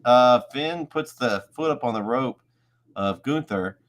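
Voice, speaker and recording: A man's voice: mid-range voice, lively intonation, unhurried. A man hosting a casual wrestling review show, easygoing and fond of homespun analogies. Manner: easygoing, uses homespun analogies, laughs along. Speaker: podcast host.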